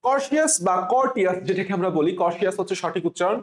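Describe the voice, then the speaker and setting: A man's voice: sits high, expressive, rapid-fire. A man teaching an exam prep spelling lesson, spelling words letter by letter and having students repeat after him. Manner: repetitive, drills letters, asks students to repeat. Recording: roomy echo.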